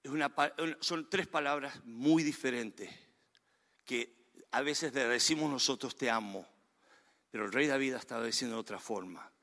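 A man's voice: medium pitch, moderate pace, creaky, sharp tone. A man preaching a sermon as pastor, earnest and emphatic, his delivery swelling and falling back. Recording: long reverb of a large hall.

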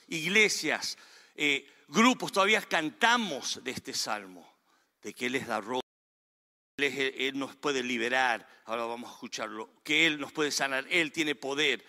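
A man's voice: on the high side, animated, unhurried, bright, forceful tone. A man preaching a sermon as pastor, earnest and emphatic, his delivery swelling and falling back. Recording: long reverb of a large hall.

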